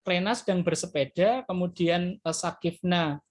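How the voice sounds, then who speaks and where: A male teacher with a high voice speaks a little slowly while leading a classroom exam review. His explanations are loose and hesitant, sprinkled with filler tags, and he calls his students children.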